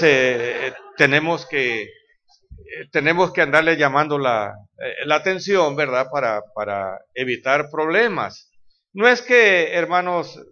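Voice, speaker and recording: A preacher gives a loose, chatty sermon, full of homespun jokes and tag questions to the congregation. His voice has a bright, forceful ring. The recording sounds dull and lo-fi. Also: a little high. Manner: conversational, keeps asking "right?" to the congregation; folksy joking anecdotes. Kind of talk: informal sermon.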